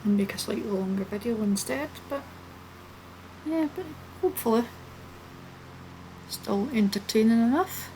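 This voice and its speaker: A woman hosting a flight video with casual, chatty, relaxed running commentary. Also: a little high, a little slow, long pauses, low-quality recording. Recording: steady background noise behind the voice.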